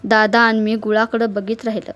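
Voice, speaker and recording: A woman's voice: fairly high pitch, normal speed, faint music behind. Woman narrating a rustic village story. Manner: steady, dialect-flavoured narration. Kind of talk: narrated short story reading.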